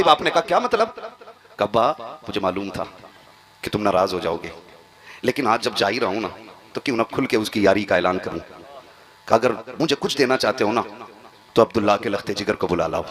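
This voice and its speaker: A male preacher telling an emotional story in a sermon, dropping to a hushed, tearful voice and then rising to impassioned cries. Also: mid-range voice. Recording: live gathering with audible crowd.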